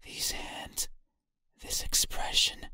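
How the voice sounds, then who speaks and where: Woman voicing a whispering eye-stealing spirit. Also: sharp tone. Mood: menacing whisper. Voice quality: breathy whisper. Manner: slow, menacing, cryptic.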